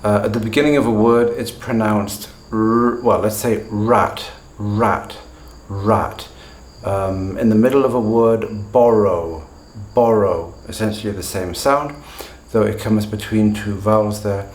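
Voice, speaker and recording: A man with a standard British accent giving a pronunciation lesson, speaking in a measured way and slowing down to model example words. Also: fairly low pitch, darkish tone, roomy sound. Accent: standard British English. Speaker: English pronunciation teacher.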